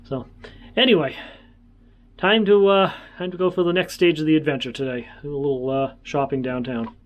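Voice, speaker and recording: Man, slightly higher-pitched voice, casual vlog chat, easygoing, rambling. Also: steady tone, normal speed, lo-fi sound. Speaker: travel vlogger.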